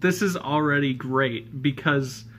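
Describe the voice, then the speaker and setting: A man's voice: mid-range voice, measured pace, over music. A man giving a comedic review of an old cartoon, with wry, joking asides. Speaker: retro game and cartoon reviewer.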